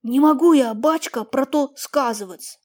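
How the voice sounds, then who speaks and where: A woman's voice: high voice, measured pace, mellow. A woman reading an audiobook, voicing an awkward young peasant man with a naive, timid way of speaking.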